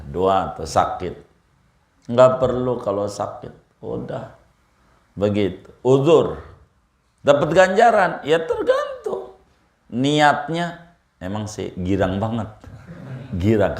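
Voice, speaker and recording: Male preacher, slow unhurried delivery, joking folksy manner, echoey room. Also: lowish voice. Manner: humorous, folksy, mixes Arabic quotations. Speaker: Islamic preacher. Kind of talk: religious study lecture.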